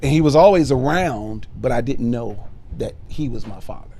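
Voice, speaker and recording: Gravelly yet mellow, his mid-range voice has lively intonation and a moderate pace. The middle-aged bishop and minister, Chicago-born and Detroit-raised, tells his life story in a casual podcast interview sprinkled with fillers.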